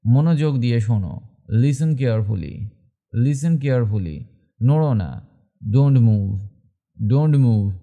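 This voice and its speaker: A man teaching English, reading short phrases slowly and repeating each one twice. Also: medium pitch, lively intonation, dark tone. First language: Bengali. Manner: slow, deliberate drilling of short phrases.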